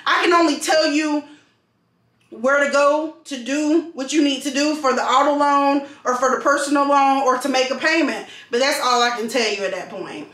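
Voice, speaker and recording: High-voiced woman, echoey room. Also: normal speed, a bit bright. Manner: emphatic, repeats phrases for stress. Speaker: vlogger and call center customer service worker. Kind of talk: casual venting to camera.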